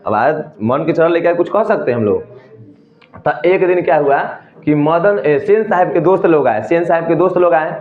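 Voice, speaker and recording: A man's voice: on the high side, lively intonation, moderate pace. A man with a Bihari Hindi accent explaining a story to students in a loose, colloquial way, asking questions and answering them himself. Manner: colloquial, asks and answers his own questions. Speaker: teacher. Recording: echoey room, tinny phone-like sound.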